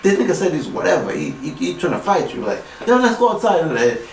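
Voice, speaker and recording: A man's voice: fairly high pitch, sing-song, fast talker, echoey room, recorded from a distance, slight background noise, low-quality recording. Man set back from mic, slangy rambling. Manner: rambling, loose street slang, acts out quoted lines. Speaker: podcast co-host. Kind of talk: casual chat.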